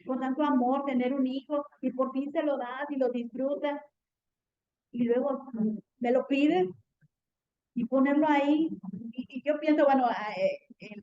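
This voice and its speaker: High-voiced woman teaching a Bible class. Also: muffled recording. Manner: earnest, often checks in with students asking "¿sí?".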